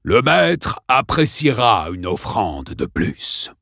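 Villain principal, read by a man: cold, menacing, slow, clipped commands, low-pitched, lively inflection, dry close audiobook sound. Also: gravelly, no room sound, heavily acted. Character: cold menacing middle-aged male school principal.

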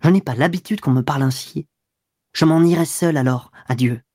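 A man's voice: mid-range voice, fairly even intonation, normal speed, a little mellow, natural voice. A narrator voicing a spirited young woman who turns cold and curt when crossed, in an audiobook reading. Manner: cold, curt, disdainful replies. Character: spirited young woman, proud, quick to anger. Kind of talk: audiobook dialogue.

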